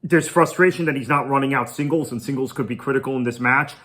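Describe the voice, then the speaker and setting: A podcast host, a man whose first language is Tamil, previews a cricket match on his own, musing aloud in a conversational way. His voice sits at medium pitch, a bit bright, and he speaks quickly.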